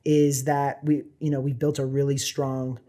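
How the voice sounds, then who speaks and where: A company founder in his thirties, from Southern California, talks casually as a podcast guest in a mid-range voice at a moderate pace. Animated, he gestures a lot and fills his speech with "you know" and "right." The recording comes from a boom-arm desk microphone in a small, bookshelf-lined studio.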